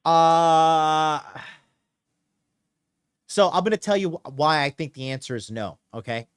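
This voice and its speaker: A man's voice: fairly high pitch, a little slow, smooth. A man in his late thirties hosting a call-in advice show, emphatic and repetitive, often checking in with "okay". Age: 30s. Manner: emphatic, repeats himself, says okay a lot. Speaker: call-in show host and dating coach. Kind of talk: casual call-in advice talk.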